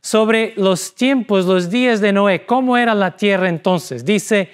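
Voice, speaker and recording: Speaking Spanish as a second language, this Portuguese pastor delivers a sermon in an accented, smooth, high voice. He takes his time, leaving pauses between each phrase.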